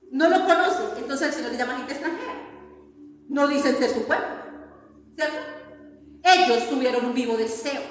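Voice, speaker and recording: A woman's voice: sits high, fairly bright tone. A woman preacher, delivering a sermon and firing repeated rhetorical questions at the congregation. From Colombia. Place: church hall. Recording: echoey church hall with long reverb.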